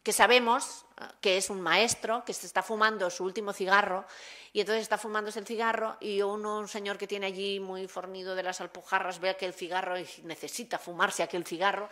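A woman's voice: medium pitch, brisk. Woman retelling a film in a talk. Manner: animated retelling, acting out the dialogue. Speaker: researcher giving a conference talk. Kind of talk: conference talk, storytelling.

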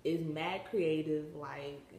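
A teenage girl chatting to her camera in a loose, slangy ramble, full of filler words and a slight retainer lisp. Her voice sits low for a girl, and the room around her rings with echo under a faint hiss of background ambience. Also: fairly even intonation, takes it slowly, vocal fry, a little mellow. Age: teens. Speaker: vlogger. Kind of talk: casual vlog chat.

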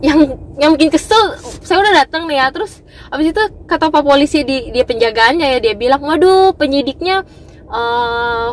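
A young adult woman giving a personal church testimony. She tells it as a lively story, with many fillers and restarts, and turns to the audience directly. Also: sits high, brisk, a little hiss or hum. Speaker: testimony speaker.

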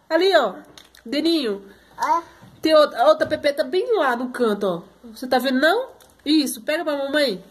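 High-voiced Pernambuco mom coaxing toddlers. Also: female voice, a bit bright. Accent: Pernambuco Brazilian Portuguese. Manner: playful sing-song baby talk, coaxing. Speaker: mother of triplets, vlogger. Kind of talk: casual home vlog talking to toddlers.

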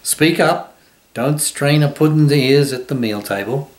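An older man voicing a rude, bossy magic pudding that shouts rhyming outbursts. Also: a little high, a little slow, voice pushed up, lightly acted. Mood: angry shout.

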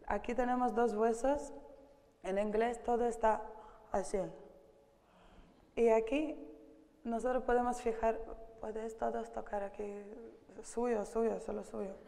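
A woman with a Russian accent, a vocal coach leading a singing masterclass who explains slowly and breaks into sung phrases. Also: a little high, fairly even intonation, vocal fry, mellow. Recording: long hall reverb.

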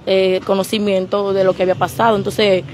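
A young woman answers a street reporter outdoors. She speaks in a flat, level voice. Her tone stays subdued with little rise and fall. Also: medium pitch, a little fast, slight background noise. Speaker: interviewee, relative of missing man. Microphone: handheld mic held to her.

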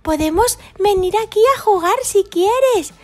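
A woman's voice: extremely high pitch, animated, a little slow, darkish tone, pitched above the performer's own voice. Woman voicing Naranjito, a carefree toy dinosaur. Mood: eager. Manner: eager, carefree. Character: bold cheerful male toy dinosaur.

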